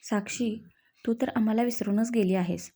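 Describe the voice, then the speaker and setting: A woman's voice: a little high, normal speed, dark tone. A woman voicing a grumbling but fond older brother in a read-aloud story. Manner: gruff, scolding.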